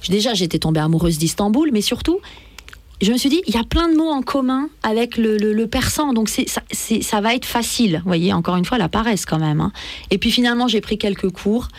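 A woman's voice: fairly high pitch, expressive, a little fast, no echo. A woman from Iran, a novelist guest on a radio show, talking in a reflective way with many restarts. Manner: reflective, frequent restarts and fillers. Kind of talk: radio interview. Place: radio studio.

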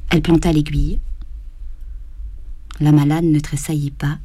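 A woman reading a literary novel aloud in a slow, measured and grave way. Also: low-pitched, little pitch movement, mellow, husky, no echo. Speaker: audiobook reader.

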